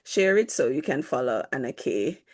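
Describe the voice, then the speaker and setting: A woman hosts a parenting podcast and chats casually with her guest. Her voice is notably low for a woman. She backs her guest up readily and affirms what she says. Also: sing-song. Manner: warmly affirming, quick to agree. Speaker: podcast host. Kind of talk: casual interview chat.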